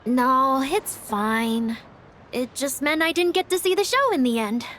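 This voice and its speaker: A chatty younger sister. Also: female voice, high-pitched, lively intonation, a little slow, slight background noise. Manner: bright, chatty. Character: earnest young woman, caring younger sister.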